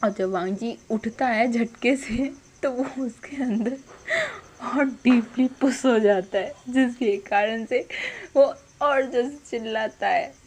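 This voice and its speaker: A woman's voice: a little high, slow pace, a little mellow, a little hiss or hum. A woman casually retelling a story in a chatty way, often addressing her listeners directly.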